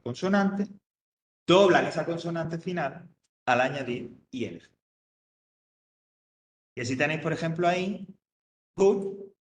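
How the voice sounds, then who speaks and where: A man's voice: on the high side, a bit bright, reverberant, slight background noise. A man teaching English grammar to an adult class, patiently repeating each point step by step. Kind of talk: classroom explanation.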